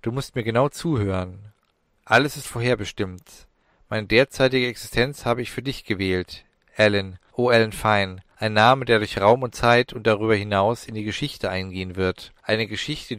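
A man's voice: on the low side, moderate pace, a bit bright, no echo, clean studio sound, close to an everyday voice. A man voicing a solemn, soothing female ghost. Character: gentle ghost of a woman doctor, solemn, prophetic.

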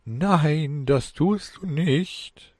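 A man's voice: medium pitch, animated, brisk, no echo, close to an everyday voice. A man voicing a taunting young demon. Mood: falsely gentle. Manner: falsely gentle, taunting, boastful. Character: cocky young male demon, bloodthirsty, mocking parasite.

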